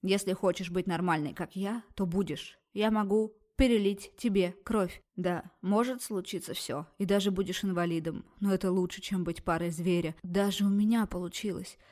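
A woman's voice: medium pitch, fairly even intonation, normal speed, few pauses, a little mellow, close to an everyday voice. A woman voicing a scornful, ruthless female doctor who speaks harshly and lectures.

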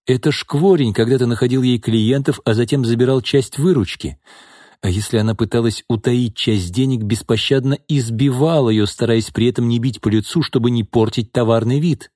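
A man narrating an audiobook in a measured, even reading voice. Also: medium pitch, no room sound, studio quality. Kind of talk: scripted narration.

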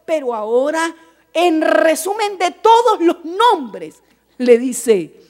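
A woman preaching a fervent sermon, with emphatic repeated phrases, who swings from soft asides to shouted exhortation. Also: very high-pitched, very animated, slow.

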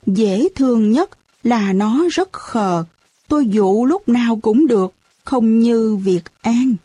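Brief: audiobook reader, woman, fairly high voice, dry close sound, lively storytelling. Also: breathy edge, no room sound. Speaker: audiobook narrator. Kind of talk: storybook narration.

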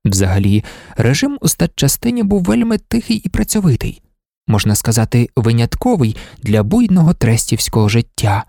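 A man reading literary prose aloud as an audiobook narrator, in an expressive reading. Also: mid-range voice, moderate pace, vocal fry, dry recording, studio quality. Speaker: audiobook reader.

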